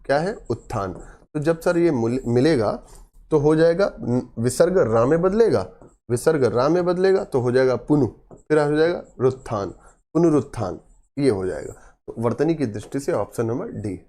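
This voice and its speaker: A man's voice: mid-range voice, expressive, normal speed, dark tone. A man teaching an exam-prep grammar class, pressing each point home. He quizzes his listeners and then answers himself, repeating the key words for emphasis. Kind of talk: Hindi grammar lesson.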